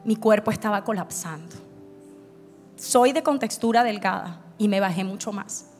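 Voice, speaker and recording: A woman's voice: medium pitch, moderate pace. A woman pastor, preaching an emotional testimony at a conference and acting out her own past words. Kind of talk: conference sermon with personal testimony. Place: large church hall. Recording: church hall reverb with soft music.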